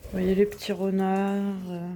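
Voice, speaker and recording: Speaking unhurriedly in a warm, monotone voice of medium pitch, this coloring vlogger is a young woman presenting her completed pages. She sits at home before a window, chatting in a hesitant way with lots of fillers and false starts.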